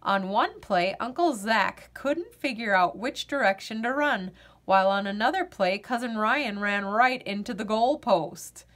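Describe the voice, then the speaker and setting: Here a woman reads aloud from a children's picture book, telling it expressively. She keeps to a medium pitch and a slightly slow pace.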